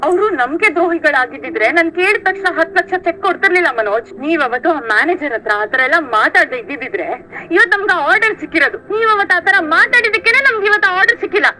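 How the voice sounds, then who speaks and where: A woman's voice: very high voice, expressive, fast, bright, forceful tone, full character voice. A woman playing a young wife in a TV serial, arguing firmly with her husband. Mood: defiant. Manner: argumentative, firm. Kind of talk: TV serial acting.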